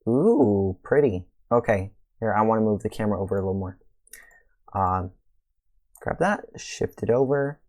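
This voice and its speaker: Relaxed man walking through code. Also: lowish voice, normal speed, long pauses. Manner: casual, relaxed walkthrough with fillers and pleased exclamations. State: slightly losing his voice. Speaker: tutorial host. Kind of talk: screen-recorded coding tutorial.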